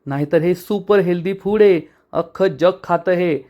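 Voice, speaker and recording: A man voicing a chatty, cheeky young wife who teases and argues in rapid, mock-indignant bursts. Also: fairly low pitch, dark tone, lo-fi sound, natural voice. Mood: chattering, teasing.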